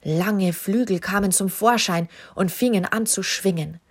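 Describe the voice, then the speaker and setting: A woman calmly and expressively reading a children's story aloud as narrator. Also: mid-range voice, measured pace, breathy edge.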